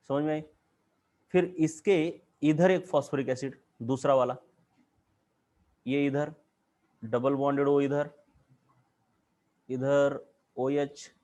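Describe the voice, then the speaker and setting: Hindi-speaking male teacher, fairly high voice. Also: darkish tone. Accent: Indian. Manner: questions the class constantly, explains at a board. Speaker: chemistry teacher. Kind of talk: classroom lecture.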